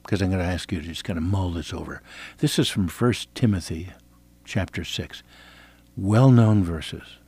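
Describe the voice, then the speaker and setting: A man's voice: low-pitched, moderate pace, a little mellow, slightly rough. An American man preaching conversationally on the radio, reading scripture and repeating key phrases with emphasis. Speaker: preacher hosting a radio teaching program.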